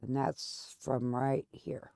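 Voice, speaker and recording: Gravelly-voiced woman chatting while gaming. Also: extremely low pitch, level tone, slow pace, mellow, no room sound, studio quality. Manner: rambling, chatty storytelling with many restarts. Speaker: gaming channel host. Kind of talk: casual chat while playing a game.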